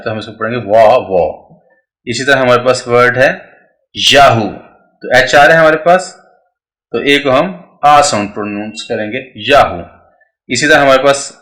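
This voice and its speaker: A man's voice: medium pitch, pushed and bright. A man teaching English pronunciation rules step by step, often checking in with his listeners.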